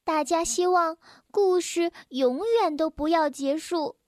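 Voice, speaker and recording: Woman reading bedtime stories to kids, high and unhurried, gentle, close dry mic. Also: no room sound. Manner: gentle, slow, clear storytelling voice. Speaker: children's story reader. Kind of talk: reading a children's story aloud.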